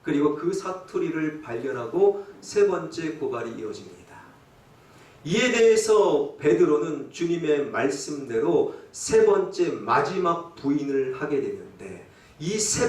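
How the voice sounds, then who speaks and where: A man's voice: on the high side, big pitch swings, measured pace, a little mellow. A male pastor preaching a sermon, dramatic, asking rhetorical questions and acting out quotes in dialect. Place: church sanctuary. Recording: echoey church from a distant mic.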